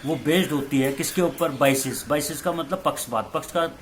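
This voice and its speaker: A man's voice: on the high side, a little fast, slight background noise. Hindi-speaking male teacher explaining exam answers. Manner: explanatory, repeats key terms, mixes in English phrases. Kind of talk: exam-question lecture.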